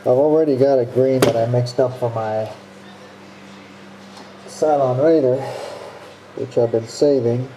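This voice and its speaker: A man's voice: medium pitch, measured pace, pauses often, noisy background. A man who builds models, casually narrating his progress while his voice is muffled by the face mask he is wearing. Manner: relaxed, casual, with frequent "uh".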